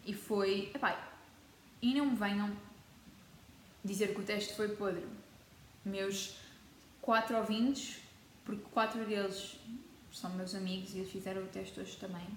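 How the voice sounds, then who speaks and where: A woman's voice: medium pitch, steady tone, a little slow, long pauses, slight background noise. Chatty, dramatic teen girl, European Portuguese accent. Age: teens. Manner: chatty, dramatic, mixes in English words. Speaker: vlogger. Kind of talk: casual chat to camera. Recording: echoey room with faint ambience.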